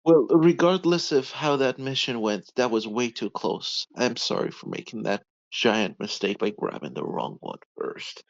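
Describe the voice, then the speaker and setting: A man's voice: mid-range voice, lively intonation, unhurried, gravelly, hardly any pauses, no echo. Earnest man playing a tabletop game. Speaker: player. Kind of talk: in-character role-play. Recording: dry, dull lo-fi mic.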